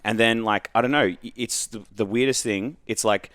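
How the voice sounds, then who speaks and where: A man's voice: on the low side, moderate pace. A young adult man with an Australian accent, a podcast guest chatting casually in a rambling, self-interrupting way. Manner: rambling, self-interrupting, animated when recalling matches. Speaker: podcast guest, competitive gamer. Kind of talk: casual conversation.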